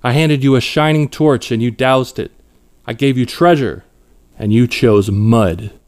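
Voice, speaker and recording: A man voicing a grandiose male cult leader who speaks slowly and solemnly, like a preacher. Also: medium pitch, a little mellow, lightly acted.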